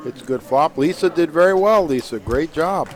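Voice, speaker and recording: A man's voice: a little high, expressive, moderate pace, noisy background. A man commentating live poker from a booth, giving firm verdicts on each play. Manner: decisive, affirming calls.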